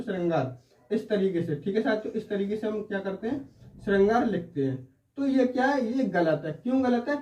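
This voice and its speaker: A man whose voice sits high but has a dark tone gives an online lesson on Hindi spelling. Going word by word, he keeps checking in with those listening. It's recorded with a distant mic in a roomy space.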